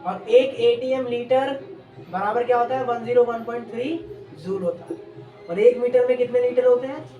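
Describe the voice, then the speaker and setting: A woman's voice: a little high, moderate pace, narrow, tinny audio. A woman chemistry teacher giving an exam-prep lecture, asking questions and answering them herself while repeating key terms. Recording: echoey room, distant mic, background music.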